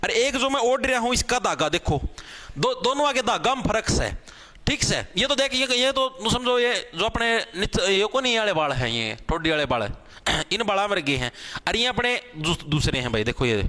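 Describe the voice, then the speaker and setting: A man's voice: high voice, very animated, moderate pace, pushed and bright. A man with a Haryanvi accent teaching a general knowledge exam class, repeating points and often asking whether the students have understood. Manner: repetitive, addresses students as bhai, checks with "theek hai"; shows cloth samples while explaining.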